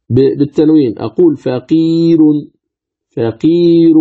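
A man explains the fine points of Quranic recitation in a raspy, gravelly voice that sits a little high. He asks his own questions, answers them, and sounds out each word as an example. The audio is thin and tinny, like a phone line. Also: dark tone. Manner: poses questions and answers them himself, demonstrates pronunciations aloud.

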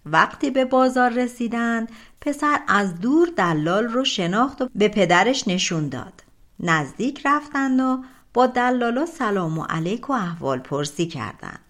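A woman narrating a folk tale audiobook in an expressive, colloquial storytelling manner. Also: a little high. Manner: expressive, colloquial, drawn-out phrase ends.

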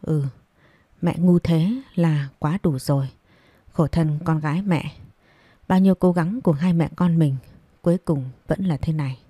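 A wronged middle-aged wife speaks with bitter resolve, read by a woman narrator. Her voice is low and dark, and the recording is dry and close. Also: measured pace, breathy edge, dry recording.

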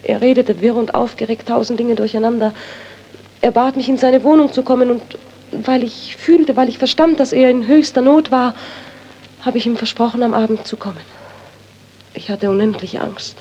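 A woman's voice: a little high, moderate pace, dark tone, lo-fi sound, a little hiss or hum, lightly acted. A woman playing a sorrowful, guilt-torn widow. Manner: earnest, sorrowful, turns to anguished pleading. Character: grieving widow, tormented by guilt, pleading. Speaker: doctor's friend's widow. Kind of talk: 1930s radio acting.

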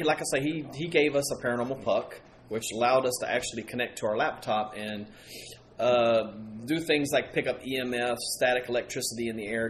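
A man's voice: medium pitch, slight background noise. Chatty man hosting a paranormal show. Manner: rambling, self-correcting, chatty. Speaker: paranormal podcast host. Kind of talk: casual chat.

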